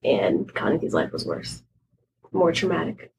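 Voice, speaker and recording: A woman in casual chat, relaxed, asking questions and laughing easily. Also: deep voice, unhurried, gravelly, recorded from a distance, noisy background. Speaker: co-host of a drinking game chat.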